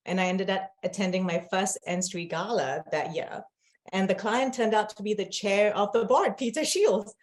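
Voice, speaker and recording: A woman from Singapore, a guest on a podcast interview, who talks warmly and enthusiastically with soft "um" fillers. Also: fairly low pitch. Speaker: board member, guest. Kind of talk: casual interview chat.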